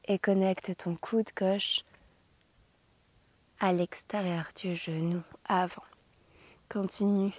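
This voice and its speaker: A woman teaches yoga in a soothing, gentle voice. Her tone is dark and soft, breathy to the edge of a whisper. She guides slowly, with long, unhurried phrasing and a calm, narrow melody. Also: medium pitch, no echo. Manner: soothing, slow, gentle guidance.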